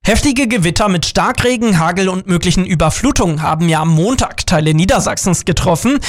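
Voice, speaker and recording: A man reading regional radio news in a formal, even way. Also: sits high. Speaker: newsreader.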